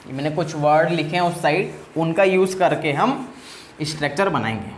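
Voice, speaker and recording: Male teacher, fairly high voice, patient repetitive classroom delivery, roomy echo. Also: slight background noise. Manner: explains slowly, repeats each word. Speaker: Japanese language teacher. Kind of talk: classroom lecture.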